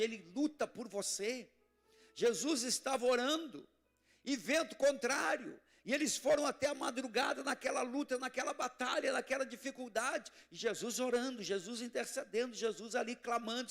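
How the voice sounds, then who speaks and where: Man, Brazilian accent, pastor, fervent sermon, high voice, call-and-response with the congregation. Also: a bit bright. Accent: Brazilian Portuguese. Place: church service.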